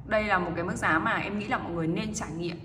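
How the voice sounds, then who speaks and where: A woman with a bright, forceful voice delivers a hard-sell shopping pitch. She is insistent and repetitive, tagging her points with little questions. The room rings with long echo and there is noise behind her. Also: rapid-fire. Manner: repetitive, insistent, seeking agreement with tag questions. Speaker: online watch seller. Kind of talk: live sales pitch, casual hard sell. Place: indoor watch display table.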